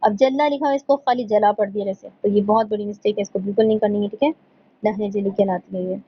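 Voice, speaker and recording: A woman teaching a tajweed class, explaining in Urdu, reading English points slowly and checking in often with her students. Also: medium pitch, fairly even intonation, highs cut off, slight background noise. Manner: checks in often with "theek hai". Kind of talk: online class lesson.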